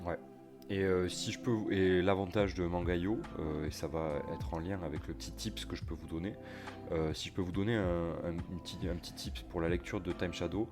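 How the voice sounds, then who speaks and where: A man co-hosting a podcast, chatting casually about manga in a hesitant, halting way. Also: low voice, fairly even intonation. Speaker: podcast co-host. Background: music behind the talk.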